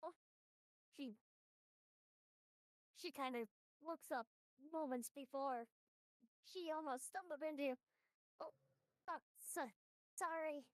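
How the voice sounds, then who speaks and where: A man using a voice changer while slowly narrating his character's entrance in a tabletop game. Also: extremely high pitch, no echo, studio quality, voice pushed up. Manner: slow, hesitant narration.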